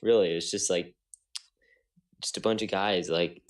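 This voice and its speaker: A man's voice: low-pitched, fairly even intonation, unhurried. A young man co-hosting a podcast, telling a story in a rambling casual way with lots of restarts. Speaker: podcast co-host. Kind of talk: casual chat.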